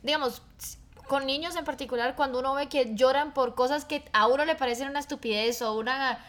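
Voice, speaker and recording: A woman with a high voice hosts a relaxed conversation. She agrees readily and keeps chiming in with quick affirmations while her guest talks. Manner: agreeable, constant backchannel affirmations. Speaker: interview host. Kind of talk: casual interview chat.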